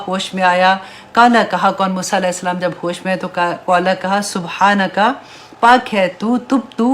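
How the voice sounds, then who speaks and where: A woman's voice: medium pitch, a little hiss or hum. A woman teaching a Quran tafsir class, reading Arabic verses and explaining them in Urdu, with an encouraging tone that often checks with her students. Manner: warm, encouraging teaching tone with tag questions.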